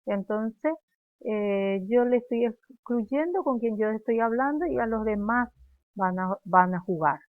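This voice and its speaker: Paraguayan woman teacher, unhurried, drills phrases for students to repeat, tinny dry recording. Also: a little high, soft background music. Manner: slow, clear, repeats phrases for students to echo. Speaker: Guarani language teacher. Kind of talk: classroom lesson, drilling conjugations. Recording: dry, phone-like narrow sound.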